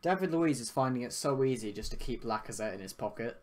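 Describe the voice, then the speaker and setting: A man's voice: medium pitch, expressive, fast talker, a little mellow. Casual young man reacting to football. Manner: casual, rambling, thinking aloud. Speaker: fan reaction host. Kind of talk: live match reaction commentary. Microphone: computer microphone for live stream.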